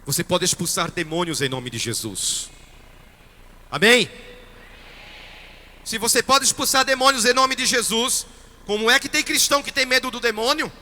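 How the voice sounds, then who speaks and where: A man's voice: very high-pitched, lively intonation, moderate pace, long pauses, bright, forceful tone. A man with a Brazilian Portuguese accent, a priest preaching a sermon and emphatically questioning his congregation. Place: church. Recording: reverberant church hall.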